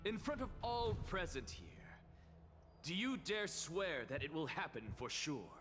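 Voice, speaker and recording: Haughty scholar for a game: pompous villain-like taunts, theatrical, unhurried, with music behind. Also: male voice, on the high side, big pitch swings. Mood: grand challenge. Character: haughty theatrical male scholar lecturing an assembly. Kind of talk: video game dramatic acting. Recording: long hall reverb, loud music behind.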